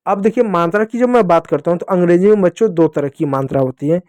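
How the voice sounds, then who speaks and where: A man's voice: high voice, expressive, quick pace, a little mellow, no room sound. A man teaching children English phonics, speaking to them directly and answering his own questions as he writes words out. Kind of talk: classroom lesson explaining phonics.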